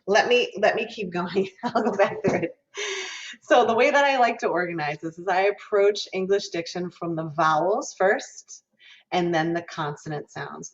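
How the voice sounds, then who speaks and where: Woman lecturing over dull call audio. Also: fairly low pitch. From Minnesota, US. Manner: explanatory, demonstrates vowel sounds aloud. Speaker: guest lecturer, music professor. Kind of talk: online diction lecture. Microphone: video call.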